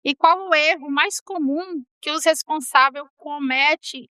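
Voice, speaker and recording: A woman's voice: high voice, measured pace, bright, forceful tone, no room sound, clean studio sound. A woman hosting a podcast interview, asking questions and adding short points. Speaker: podcast host.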